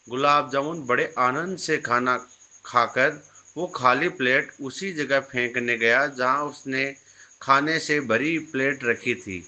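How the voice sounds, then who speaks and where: A man calmly narrating a scripted moral story. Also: medium pitch, a little slow.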